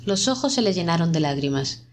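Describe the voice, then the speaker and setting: A woman reading a short story aloud in a measured, dramatic narration. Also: fairly low pitch, animated. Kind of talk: scripted audiobook narration.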